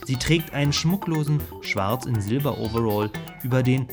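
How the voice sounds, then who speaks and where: Guy narrating a sci-fi audiobook, expressive, middle pitch, soft music behind. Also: moderate pace. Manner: vivid, expressive storytelling.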